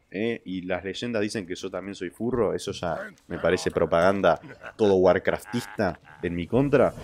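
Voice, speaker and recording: Crude, joking Argentine streamer man. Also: lowish voice. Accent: Argentine Spanish. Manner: crude, joking, trash-talking; loud outbursts and sudden drops to a mutter. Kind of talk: casual livestream chat reading viewer messages.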